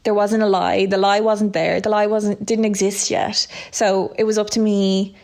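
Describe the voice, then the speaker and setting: A woman's voice: medium pitch, flat delivery, normal speed, gravelly, darkish tone. A young Irish woman speaking candidly and reflectively as an interview guest, with frequent fillers and restarts. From Ireland.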